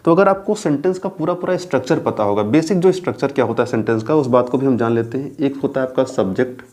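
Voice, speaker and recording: A man with an Indian accent teaching a grammar lesson. He keeps posing rhetorical questions, answers them himself, and repeats key terms slowly. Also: mid-range voice, darkish tone. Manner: mixes English terms into explanations. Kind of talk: classroom grammar lecture.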